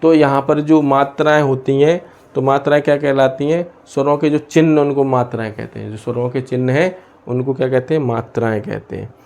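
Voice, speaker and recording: A man teaching a lesson from India, pausing often and asking questions he then answers himself. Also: mid-range voice, fairly even intonation, creaky, darkish tone. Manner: asks and answers his own questions, many hesitations. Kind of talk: explaining a lesson.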